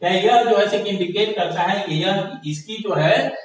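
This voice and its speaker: A man's voice: high-pitched, a little slow. A man teaching a lesson, explaining step by step and asking questions that he answers himself. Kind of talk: classroom lesson. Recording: very echoey room, voice from a distance.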